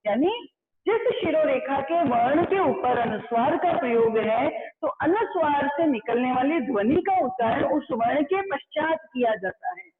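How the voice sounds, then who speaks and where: A woman teacher giving an online grammar lesson, explaining slowly and repeating key points to her students. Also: high-pitched, lively intonation. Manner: slow, repeating explanations, addressing students as beta. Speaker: school teacher. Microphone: blackboard class recorded. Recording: tinny phone-like sound with crowd noise.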